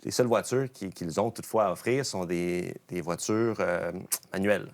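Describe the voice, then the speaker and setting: A man's voice: deep voice, normal speed. A man with a Quebec French accent, a professional golfer, telling a casual story as a podcast guest, often restarting and correcting himself. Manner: lively storyteller, frequent restarts and self-corrections.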